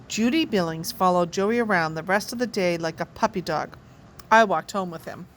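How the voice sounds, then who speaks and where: A woman reading a children's novel aloud with expressive, animated storytelling. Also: fairly low pitch, moderate pace. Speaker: children's book reader.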